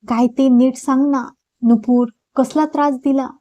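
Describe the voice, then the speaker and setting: A woman's voice: high voice, little pitch movement, unhurried, warm tone, no room sound. A woman voicing a young woman who soothes and apologizes to her friend. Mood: consoling.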